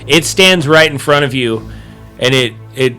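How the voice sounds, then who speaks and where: A man narrating a tabletop game as game master, describing scenes with many pauses and restarts. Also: medium pitch, pushed and bright, faint music behind. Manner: rambling, searching for words with many likes and restarts.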